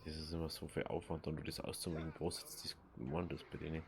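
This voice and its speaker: Low, creaky man muttering over gameplay. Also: little pitch movement, quick pace. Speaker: gamer commenting on his playthrough. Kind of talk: casual let's play commentary.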